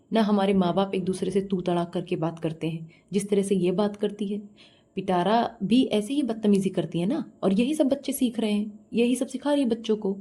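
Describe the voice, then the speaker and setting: Scornful woman with a mellow voice. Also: medium pitch. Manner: scornful, scolding; asks the viewers directly. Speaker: reaction vlogger. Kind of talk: mocking reaction commentary.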